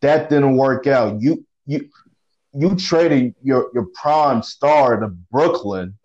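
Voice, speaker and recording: A man co-hosting a sports podcast over a phone line, talking casually with halting restarts and slang. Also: medium pitch, darkish tone. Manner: halting, repeats words, slangy. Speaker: podcast co-host.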